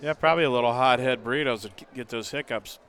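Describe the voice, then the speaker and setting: A man giving casual color commentary on a high school football broadcast, often agreeing with short yeahs. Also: quick pace, a bit bright.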